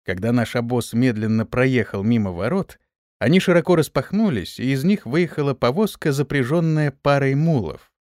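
A man narrating an audiobook with expressive storytelling. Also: mid-range voice, normal speed, dry recording, clean studio sound. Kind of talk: audiobook reading.

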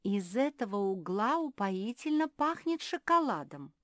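A woman's voice: mid-range voice, very animated, measured pace, no room sound, studio quality, voice pushed up. A woman voicing a female seamstress who gushes with delight. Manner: rapturous, gushing.

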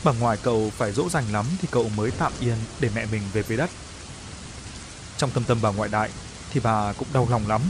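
A man's voice: on the low side, brisk, noisy background. Man narrating a mournful story. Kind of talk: scripted ghost story narration.

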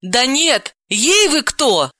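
A man voicing a sharp-tongued, bossy woman who scolds and gives orders. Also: very high voice, sing-song, drawn-out words, dry recording, clean studio sound, voice pushed up, heavily acted. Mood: scolding.

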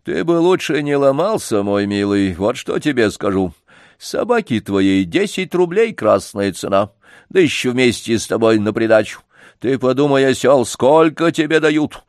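A man's voice: medium pitch, expressive, moderate pace, no echo, studio quality, voice pushed up, close to an everyday voice. A man voicing a stout, pompous doctor, condescending and blustering. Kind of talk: audiobook character reading.

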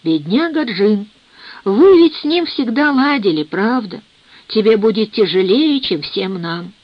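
A woman voicing a sharp-tongued, indignant grown daughter who speaks fiercely, in a dull, dry recording. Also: mid-range voice, expressive, a little slow, no echo. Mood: tender.

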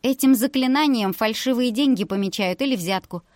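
A young female mage speaks with calm, dry confidence and a matter-of-fact edge, as a woman reads her. The storybook reading sounds close and dry. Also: on the high side, a little fast, dry recording, close to an everyday voice. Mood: wry.

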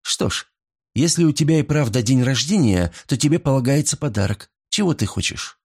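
A dry, mocking young woman tends the bar and ribs her customers. Her voice sits high and moves a lot, raised by a man reading her part. She sounds amused rather than warm. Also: expressive, a little fast, slightly rough. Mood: teasing. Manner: teasing, dry. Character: wry young woman bartender.

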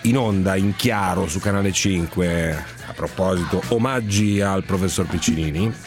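A man's voice: low-pitched, moderate pace. Emphatic male sports radio host, faint music behind. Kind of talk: animated sports radio chat.

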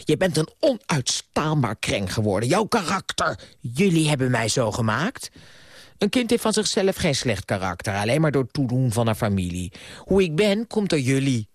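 A man voicing a spoiled, defiant rich young woman in a radio play reading, scornful and sharp-tongued. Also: big pitch swings, normal speed, no echo, studio quality. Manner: scornful, sharp-tongued, raised falsetto-like pitch.

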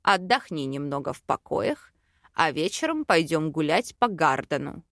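A woman puts on a gentle male elf king for a storybook, speaking low and quiet with a touch of fond grumbling. The voice is lowered well below her own and sits close and dry, with no room around it. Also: very animated, normal speed, no echo, full character voice. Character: man, elf king, calm, affectionate fiancé.

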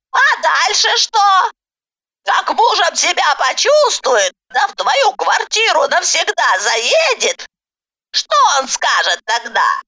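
A woman's voice: extremely high pitch, pushed and bright, highs cut off, voice pushed up, heavily acted. Woman playing a sly folksy old granny. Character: sharp-tongued scheming old grandmother.

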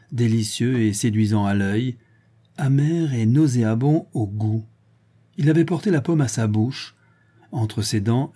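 Dark-voiced male audiobook narrator. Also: lowish voice, breathy edge. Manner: measured, expressive reading. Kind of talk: scripted narration of a novel.

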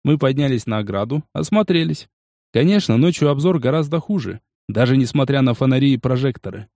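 A man narrating a first-person audiobook in a steady, measured way. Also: mid-range voice, no room sound, clean studio sound.

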